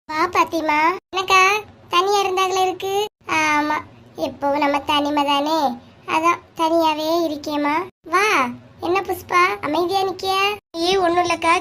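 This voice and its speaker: Woman doing squeaky, sharp-tongued cartoon village women. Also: a little hiss or hum. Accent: Kanyakumari Tamil. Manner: scolding, nagging banter. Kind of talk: cartoon comedy voice acting.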